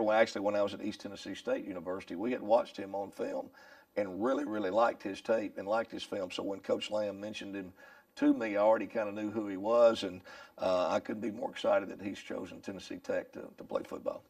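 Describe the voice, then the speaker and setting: A head football coach answering interview questions in a measured way, with many fillers. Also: male voice, on the low side, vocal fry, dry recording, far from the mic.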